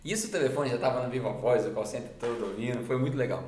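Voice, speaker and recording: A Brazilian man with a Brazilian Portuguese accent hosts a podcast and shares personal stories in a relaxed, conversational way. His voice sits in a mid register. The recording carries a noticeable roomy echo. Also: medium pitch, very fast, slight background noise. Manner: casual, conversational, acts out quoted dialogue. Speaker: podcast host. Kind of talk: reflective personal storytelling.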